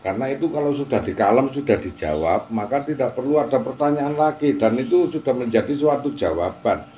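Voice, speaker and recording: A man's voice: mid-range voice, lively intonation, brisk, slight background noise. Guy preaching casual, teasing jokes, muffled recording. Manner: chatty, mixing Javanese and Indonesian, teasing asides. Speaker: religious teacher. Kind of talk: informal religious talk with jokes.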